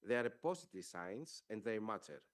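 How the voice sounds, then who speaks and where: With a lowish, very animated voice, a man from Greece gives a formal press conference statement as head of a parliamentary delegation. He is a native Greek speaker with a Greek accent, and his delivery is measured but marked by frequent hesitations.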